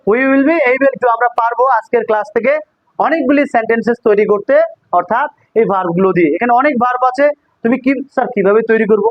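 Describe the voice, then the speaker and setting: High-voiced man teaching English in class. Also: fast talker, no echo, muffled recording. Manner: repeats each example in two languages, checks in with students. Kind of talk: classroom lesson, drilling sentences aloud.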